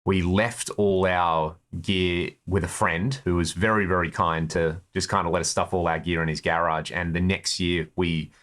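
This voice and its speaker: A man's voice that sits low and is a bit bright, with flat delivery, a moderate pace, and few pauses. He has an Australian accent, comes from Perth, plays guitar in a touring band, and chats as an interview guest about his own experiences.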